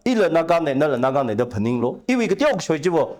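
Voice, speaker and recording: Man with a slightly high voice, animated. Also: very fast. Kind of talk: conversational discussion.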